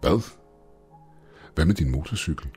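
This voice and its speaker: A man's voice: rumbling low, lively intonation, darkish tone, soft background music, pitched above the performer's own voice. A man voicing the narrator's adult brother, who asks urgent, confused questions in a raised voice. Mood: confused, alarmed.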